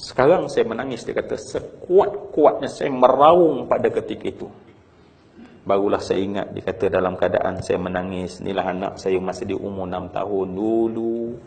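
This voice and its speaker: A man with a Malaysian Malay accent preaching a sermon through a story, swinging from hushed telling to emotional crying out. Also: on the low side, fairly even intonation, normal speed, vocal fry.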